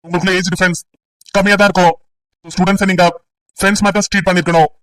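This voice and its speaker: A man playing a stern police officer and father in an amateur audio drama, brisk and lecturing. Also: high-pitched, level tone, fairly bright tone, recorded from a distance, poor audio. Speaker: police officer leading an enquiry.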